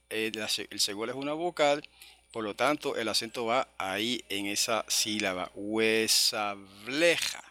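A man teaching a verse-by-verse Bible study to an online congregation, patiently explaining and slowly sounding out Hebrew words. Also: mid-range voice, bright, forceful tone, dry recording. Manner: explains patiently, checks in with "¿verdad?"; spells out Hebrew words slowly, stressing syllables.

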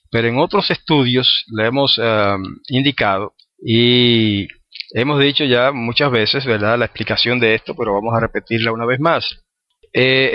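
A man teaching a Bible study, who keeps checking in with his listeners through tag questions and spells out Hebrew words slowly and with care. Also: medium pitch, dry recording. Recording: dull, dry recording.

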